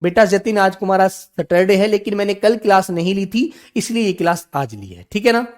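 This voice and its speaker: A man teaching an online spelling class, dictating words slowly and repeating each one, calling his students his children. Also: high-pitched, expressive. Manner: calls students "बेटा" and "मेरे बच्चों".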